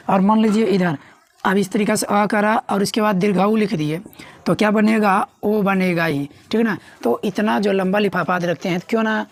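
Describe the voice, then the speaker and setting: A woman's voice: mid-range voice, dry recording. A woman teaching a grammar lesson, often asking the class a question and answering it herself. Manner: repeats questions to students, coaxing.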